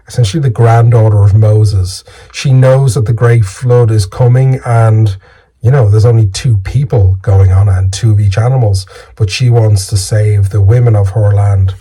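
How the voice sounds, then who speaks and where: A man with an Irish accent, a storyteller telling tales in an informal, conversational way with a husky voice. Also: medium pitch, dark tone, low-quality recording. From Ireland. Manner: casual, conversational, lightly sweary. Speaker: storyteller and video host.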